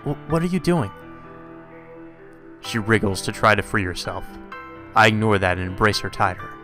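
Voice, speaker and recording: Soft music plays behind a man who reads a visual novel aloud for a let's play, stopping often for sweary, irreverent commentary and incredulous reactions to the writing. His voice is on the low side, pushed and bright, with lively intonation at a moderate pace.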